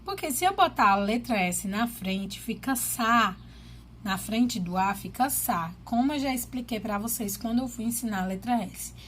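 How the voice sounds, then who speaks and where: A woman's voice: on the high side, lively intonation, moderate pace, fairly bright tone, a little hiss or hum. A woman teacher, giving a children's literacy lesson and patiently sounding out syllables one at a time.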